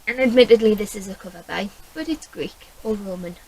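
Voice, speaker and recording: Geordie woman, book vlogger, chatty and rambling, mid-pitched voice, casual talk to camera. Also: fairly quick, darkish tone, husky, poor audio. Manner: chatty, rambling, self-correcting.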